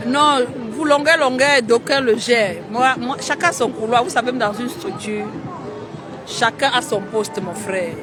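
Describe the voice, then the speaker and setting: High-voiced man live-streaming outdoors. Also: unhurried. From Cameroon. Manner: chatty, greets viewers by name, teasing. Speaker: livestream host. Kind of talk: casual live-stream chat with viewers. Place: outdoors in a busy city square. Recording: street crowd and music behind.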